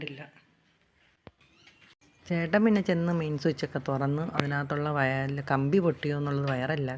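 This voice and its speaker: A woman's voice: low voice, slight background noise. A middle-aged woman chatting casually through her evening chores for a home vlog, explaining each step to viewers. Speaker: homemaker vlogger.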